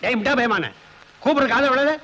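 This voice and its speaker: An actor dubbing a film role as an abusive husband who shouts harsh orders. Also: male voice, very high-pitched, lively intonation, fairly quick, muffled recording, exaggerated voice. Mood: angry. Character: abusive, bullying drunk husband. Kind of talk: dubbed film drama.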